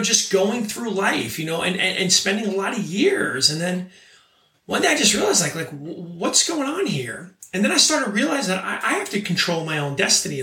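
A man in his late forties hosting a podcast, giving an energetic motivational monologue and repeating key phrases for emphasis. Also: high voice, distant mic. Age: 40s. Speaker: podcast host. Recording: echoey room, voice off-mic.

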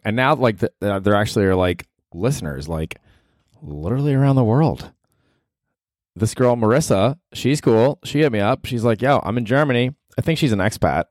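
An American man with a deep voice hosts a solo comedy podcast. His delivery swings widely in pitch as he rambles casually, swearing and mocking himself. The sound is dry and close. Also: lively intonation, fairly quick, a little mellow, no echo. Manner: profane, rambling, self-mocking. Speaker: podcast host.

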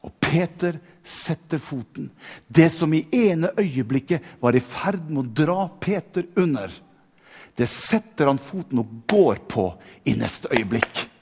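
A man's voice: a little high, animated, a little mellow, slightly rough. Fervent male preacher in a reverberant hall. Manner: repeats words when building up, grows more fervent. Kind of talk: sermon.

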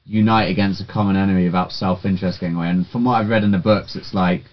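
A man co-hosting a podcast, chatting in a relaxed way and thinking aloud. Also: sits low, fast talker, highs cut off. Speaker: podcast co-host. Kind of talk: casual chat about games.

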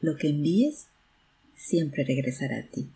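A woman voicing a calm, wise father who gently explains to his son. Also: low-pitched, unhurried, creaky, slightly rough, voice pushed down, exaggerated voice. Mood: gentle. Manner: gentle, reassuring.

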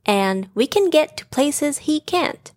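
A woman doing a squeaky, sorry little squirrel. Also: very animated, takes it slowly, darkish tone, no room sound, studio quality, full character voice. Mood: apologetic. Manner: squeaky and polite. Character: small apologetic male squirrel leader.

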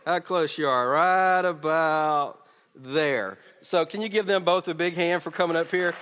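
A slightly high, a bit bright male voice moves a little slowly through a conversational sermon to a congregation. The preacher is informal and often stammers over how his phrases start. He speaks into a pulpit or stage microphone over a PA in a hall with long reverb.

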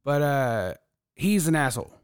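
A man's voice: medium pitch, very animated, moderate pace, clean tone, dry recording, studio quality. A man working as a corrections officer, a podcast guest telling blunt, profane stories in casual chat.

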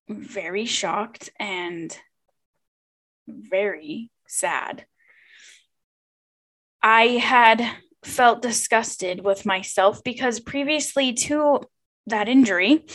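A woman's voice: fairly high pitch, poor audio. A young woman hosting a podcast, talking alone in a chatty, informal and confiding way about personal things. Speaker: podcast host.

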